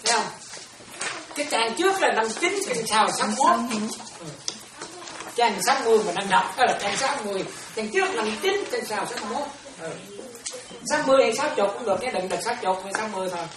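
A woman's voice: on the high side, very animated, quick pace, a crowd in the background. Woman giving a chatty dharma talk. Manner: chatty, keeps checking listeners follow. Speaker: Buddhist nun teaching disciples. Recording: roomy, distant, noisy room recording.

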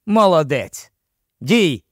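A composed army captain gives orders to a junior officer in a steady, patient tone that turns gently scolding, voiced by a man reading an audiobook. The voice sits fairly high for a man. The recording is dry, with no room echo. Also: takes it slowly, exaggerated voice. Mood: steady command. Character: calm commanding male army captain, fatherly.

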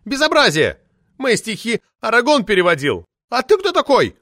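A woman's voice: on the high side, huge pitch swings, normal speed, a bit bright, dry recording, clean studio sound, voice pushed up, exaggerated voice. A man voicing a pompous, imperious woman poet who shrieks her indignation and keeps invoking powerful friends, in an audiobook reading. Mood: shrill outrage. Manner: shrieking, indignant, name-dropping.

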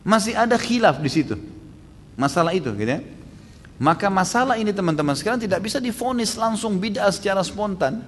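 A man preaching and answering questions at a religious study session, fast and emphatic, with many rhetorical questions. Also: sits high, animated, long reverb tail, slight background noise.

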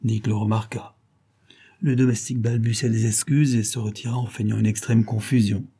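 Dark husky male audiobook narrator. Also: fairly low pitch, little pitch movement, moderate pace. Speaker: audiobook reader. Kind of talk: scripted narration.

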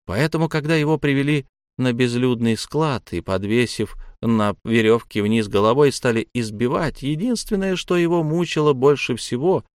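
Male audiobook narrator, scripted narration, steady, mid-pitched, dry close recording. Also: no echo.

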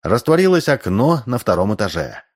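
Low-voiced male audiobook narrator. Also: moderate pace. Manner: lively, character-voicing reading.

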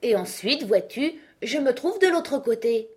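A woman voicing an earnest, solemn male knight who is proud of his clumsy inventions, read in a breathy voice for a storybook. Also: fairly high pitch, very animated, measured pace, a little mellow, voice pushed up, full character voice. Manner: grave, proud, rambling explanations. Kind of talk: audiobook character reading.

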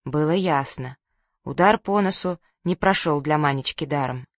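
A woman's voice: sits low, moderate pace, no echo. Woman reading an audiobook, dry sound. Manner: lively, expressive storytelling. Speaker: audiobook narrator. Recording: dry close studio sound.

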